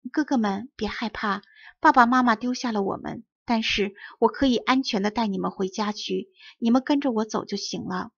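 A woman reading aloud gives voice to a small, clever boy who stays calm while his brothers are frightened. He speaks in a steady, reassuring way, slightly raised in pitch, with a husky, gravelly grain. The sound is dry and a little dull. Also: moderate pace, no echo.

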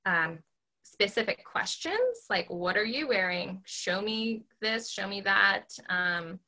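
Speaking slowly on a rough recording, a thirtysomething real estate agent chats over a video call, her laptop webcam picking her up in a small bedroom at home. Her high-pitched, squeaky voice is lively, with plenty of ums and hand gestures.

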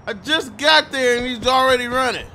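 A man giving loud, joking commentary while playing a crime game, talking back to the characters on screen. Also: very high voice, normal speed, a little hiss or hum. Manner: loud, excitable, talks to the screen. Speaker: gameplay streamer. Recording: loud game sound behind.

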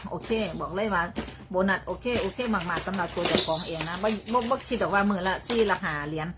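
A woman's voice: fairly low pitch, quick pace, very noisy. An older woman with a Northeastern Thai Isan accent, hosting a casual livestream on her phone, chatting in a rambling way, repeating words and laughing often. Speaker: livestream host.

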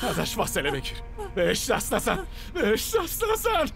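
A man dubbing a desperate, obsessive young man in a TV drama, shouting commands and then pleading softly. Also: very high voice, very animated, full character voice. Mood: commanding, threatening. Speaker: dubbed series character. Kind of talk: dubbed TV drama acting. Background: dramatic music score.

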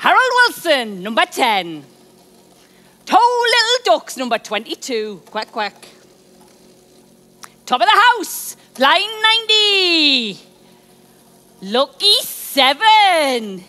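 A woman on stage playing a brisk, sardonic bingo caller, calling numbers in a rhythmic sing-song. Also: high voice, very animated, pushed and bright, full character voice. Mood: brisk, showy. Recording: live theatre stage performance.

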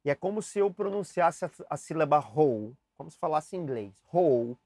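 A young man speaks fast in a fairly high, slightly mellow voice while teaching saxophone basics in a relaxed, chatty style, demonstrating and talking to the viewer. The audio is studio quality with no room sound, though it comes from camera mics as the cameras switch.

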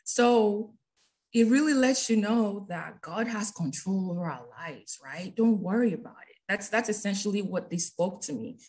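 A woman's voice: medium pitch, expressive, normal speed, a little mellow. A woman leading a casual bible study over a group call, talking in a chatty way and often ending her points with "right?". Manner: chatty, ends phrases with "right?".

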